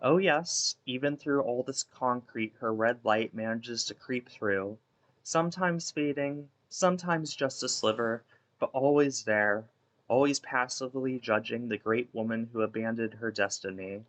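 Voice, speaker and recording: A man playing a guilt-ridden, imprisoned female ex-baseball pitcher in a wistful, theatrical dramatic monologue that rambles and interrupts itself. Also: unhurried, lightly acted. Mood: brooding.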